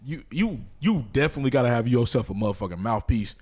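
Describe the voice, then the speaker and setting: A man, a DJ telling stories in a casual roundtable, animated and profane. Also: mid-range voice, quick pace. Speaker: DJ, roundtable guest.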